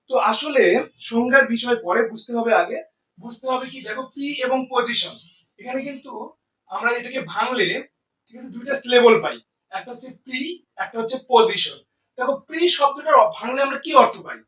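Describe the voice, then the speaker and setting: High-voiced man teaching grammar. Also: sharp tone, reverberant, recorded from a distance, low-quality recording. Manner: explains slowly, asks and answers own questions, often says "ঠিক আছে". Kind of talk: classroom lecture in Bengali and English.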